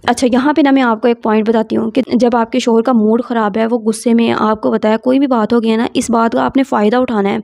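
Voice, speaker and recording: A woman's voice: on the high side, steady tone, vocal fry, few pauses, a little mellow. A woman hosting an advice channel, talking to viewers conversationally and explaining with everyday examples and rhetorical questions.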